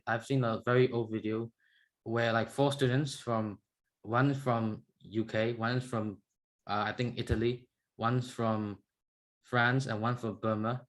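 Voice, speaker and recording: A student in an online English class, rambling with many restarts and "like"s. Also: medium pitch. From Myanmar.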